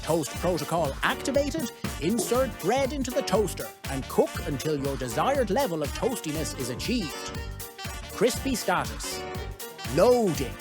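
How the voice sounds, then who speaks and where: A woman's voice: on the low side, very animated, a little slow, music in the background. A woman doing a perky robot chef voice. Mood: cheerful robotic. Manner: robot voice, beeping, computer-style announcements. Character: cheerful female robot kitchen helper for kids. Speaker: host of a kids' cooking show. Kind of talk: scripted children's show.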